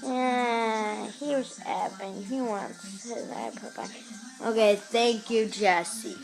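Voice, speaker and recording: A woman's voice: mid-range voice, animated, takes it slowly, over music. A woman chatting casually and informally to viewers in a rambling amateur vlog, on a homemade recording. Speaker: amateur vlogger. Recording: noisy home recording with clicks.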